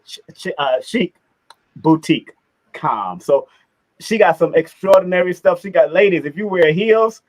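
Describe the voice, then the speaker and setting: A middle-aged man hosting a casual interview, animated, repeating his words and laughing often. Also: sits high, moderate pace, low-quality recording. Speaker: host.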